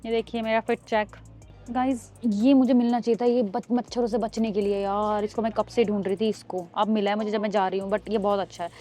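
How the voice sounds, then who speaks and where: A woman's voice: mid-range voice, flat delivery, fairly quick, mellow, faint music behind. A young woman vlogger chatting to her viewers in an airport, talking casually and mixing in English words. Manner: chatty, addresses viewers as guys, mixes in English. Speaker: vlogger host. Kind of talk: casual vlog chat. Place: airport terminal.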